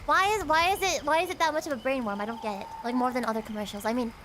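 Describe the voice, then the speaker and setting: Young American woman, high-pitched, bubbly and giggly, casual stream host talking to chat at home. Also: steady tone, very fast, noisy background. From United States. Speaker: VTuber streamer and singer.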